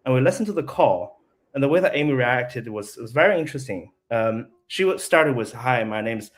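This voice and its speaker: A man, a company CEO, speaking as an interview guest in a casual, halting way, restarting his sentences often. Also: medium pitch, expressive.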